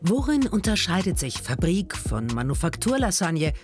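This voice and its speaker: A documentary voice-over delivered in a lively, playful scripted style. The pitch moves up and down with a lot of energy. Music plays beneath the narration. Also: normal speed.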